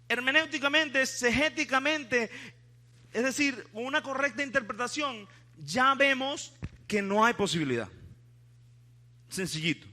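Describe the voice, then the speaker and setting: Brief: preacher, high, bright and forceful, calls on the congregation. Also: male voice. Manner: asks the congregation questions, leads call-and-response. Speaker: pastor. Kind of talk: sermon. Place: church before a congregation.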